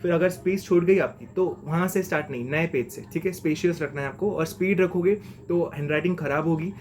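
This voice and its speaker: A man's voice: fairly high pitch, fairly quick, darkish tone. A young man giving a chatty, slangy lesson of exam tips as a mentor. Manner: chatty and slangy, keeps saying "okay?".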